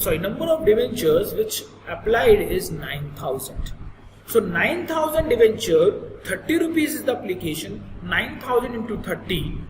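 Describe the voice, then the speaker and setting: High-pitched Indian male teacher in echoey room. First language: Hindi. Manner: instructive, repetitive, checking understanding. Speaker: accountancy teacher. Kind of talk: explanatory classroom lesson. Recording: echoey reverberant room with clear noise.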